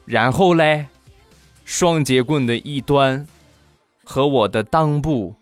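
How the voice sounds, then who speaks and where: A man in his thirties telling comic stories about his life and family, lively and given to putting on squeaky voices for other people. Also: no room sound. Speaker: comedy storyteller host. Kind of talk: comic storytelling monologue.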